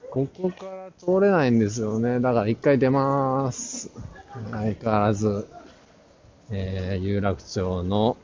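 A lowish, darkish-toned voice with a little hiss or hum belongs to a masked vlog host wandering a busy art fair hall. He mutters brief fragments, half to himself, into a handheld camera held at arm's length. The dull recording carries the murmur of the crowd.

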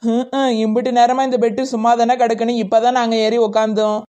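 A woman's voice: fairly high pitch, flat delivery, fast talker, mellow, close to an everyday voice. A woman with a Kanyakumari Tamil accent voicing a tall, teasing village woman in a cartoon. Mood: mocking. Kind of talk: cartoon voice acting.

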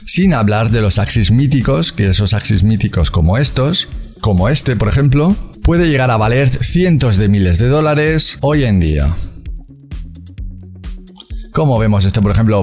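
A crypto gaming channel host with a lowish, somewhat dark male voice explains crypto game prices. Over a screen-recorded walkthrough, he goes through prices and calculations step by step.

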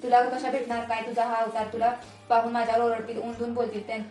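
A woman voicing a young palace maidservant, wary but kind, who talks quickly and asks many questions. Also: on the high side, monotone, darkish tone, roomy sound, distant mic, close to an everyday voice.

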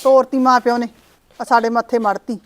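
An actress playing a sharp-tongued mother-in-law who nags and scolds her daughter-in-law, in a village short-film drama. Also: on the high side, steady tone, moderate pace, natural voice. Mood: scolding. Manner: scolding, nagging.

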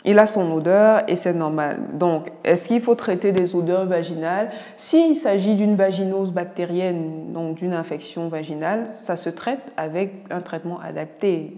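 Recorded in a large hall, a woman doctor from Cameroon fields viewers' questions in a relaxed video Q&A. She speaks with a Cameroonian French accent in a lowish, dark voice, teasing, frank and given to blunt asides.

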